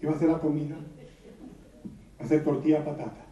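A man with a La Mancha Spanish accent telling quick stand-up jokes to a live audience, jumping into high voices for the characters. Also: fairly even intonation, warm tone. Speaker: stand-up comedian. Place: stage in a hall. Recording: roomy, distant, dull live recording.

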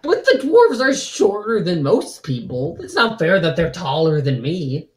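A woman's voice: fairly low pitch, sing-song, a little slow, darkish tone, slight background noise. A young woman player chatting casually at a tabletop game, hesitant and musing, with lots of hmms.

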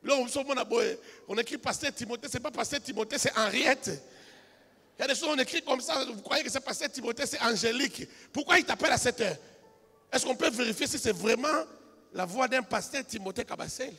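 Pastor guy preaching, high gravelly voice, husky, long hall echo w/ faint music. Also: fairly quick. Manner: storytelling quietly, then building to shouted, sung-out preaching. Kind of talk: sermon. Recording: reverberant hall with music behind.

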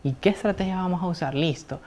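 A man, a psychologist guest giving measured, explanatory answers and often checking in with tag questions. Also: high-pitched, a little mellow.

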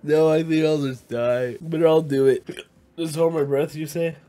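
A man's voice: fairly high pitch, steady tone, dark tone. A young man with a drippy nose from being sick, chatting and laughing often over voice chat while gaming, talking into a headset. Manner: laughs often, slow and drawling. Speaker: gaming channel host. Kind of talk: casual game-chat banter.

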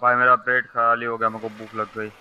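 A man streaming a multiplayer survival game, chatting casually, excitable and crude as he jokes and shouts commands at friends. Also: mid-range voice, brisk, clear, resonant tone, lo-fi sound.

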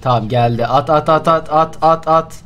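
A man playing a game over voice chat in casual talk, giving quick orders to his teammates. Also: fairly high pitch, fairly bright tone. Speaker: player on voice chat.

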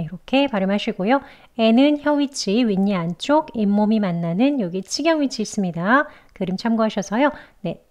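A woman teaching English pronunciation, explaining mouth and tongue positions clearly and patiently, step by step. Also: medium pitch, lo-fi sound. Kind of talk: instructional lesson narration.

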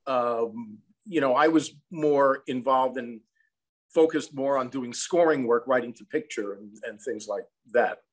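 In a rough recording, a mid-range male voice speaks a little slowly: an American songwriter and film composer in his sixties, a guest on a video-call interview. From a small indoor room at home, he recounts anecdotes in a reflective, conversational style.

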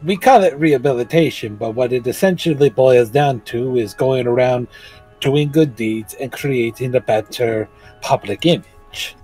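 A man's voice: medium pitch, normal speed, darkish tone, breathy edge, soft background music, low-quality recording. A man chatting casually and in character as a player in a tabletop game.

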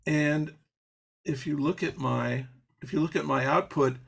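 On the high side and a bit bright, this man's voice is also creaky and husky, and he speaks unhurriedly. As a software instructor giving a live online coding demo on a video call, he teaches an audio programming patch step by step, explaining with fillers and restarts.

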